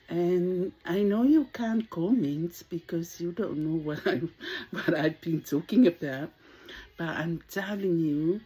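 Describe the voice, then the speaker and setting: Speaking to her camera in a relaxed vlog, this Samoan woman in her sixties uses English as her second language and pauses hesitantly while searching for words. Her fairly low, dark voice sounds slightly rough on a low-quality recording.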